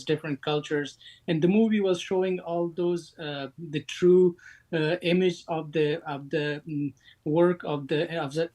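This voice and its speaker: A man from Afghanistan, a former interpreter, speaking haltingly with many fillers and restarts. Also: fairly high pitch, a little mellow, rough recording.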